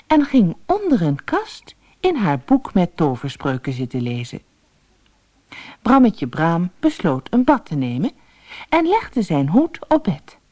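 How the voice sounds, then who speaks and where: A woman reading a children's fairy tale aloud as a narrator, in a slow, lively storytelling manner. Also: lowish voice, no room sound.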